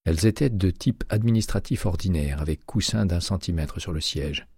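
A man narrating an audiobook thriller in an even, steady reading. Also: sits low, moderate pace, husky, no room sound, clean studio sound.

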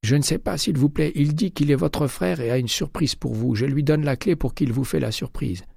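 A man's voice: a little high, normal speed, creaky, dark tone, slightly rough, no echo, clean studio sound, pitched above the performer's own voice, heavily acted. A man voicing a frightened hotel clerk who pleads in broken French. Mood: pleading. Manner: pleading, stammering, broken grammar.

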